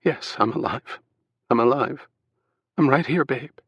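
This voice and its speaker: A frightened young wife speaks through tears, her voice cracked and aching, as a man puts her on in an audiobook. She pitches high above the reader's low natural register and sounds fragile and pleading. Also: a little slow, a bit bright, slightly rough, no room sound. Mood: tearful relief. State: crying.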